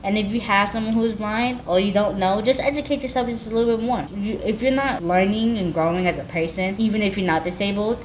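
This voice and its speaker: A woman talking frankly in a rambling personal vlog, her voice rough from being sick. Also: medium pitch, fairly quick, few pauses, a little hiss or hum. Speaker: YouTuber.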